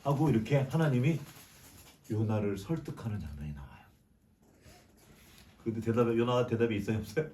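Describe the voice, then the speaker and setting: Korean man preaching in a lively style. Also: medium pitch, a little fast, long pauses. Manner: lively, acts out biblical characters' lines in a mocking tone. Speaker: preacher sharing a Bible reflection. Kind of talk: conversational sermon with questions to the congregation. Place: church sanctuary. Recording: distant mic with faint room noise.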